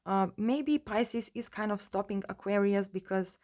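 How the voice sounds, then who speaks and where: A woman's voice: medium pitch, a little slow, a little mellow. A woman giving a casual tarot reading in her just-woken morning voice, rambling with many fillers and restarts. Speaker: tarot reader.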